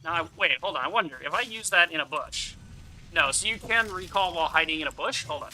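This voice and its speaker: A man's voice: a little high, expressive, fast talker, sharp tone, a little hiss or hum, rough recording. A man giving casual game commentary as a streamer, rambling as he thinks aloud and swearing casually. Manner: casually profane.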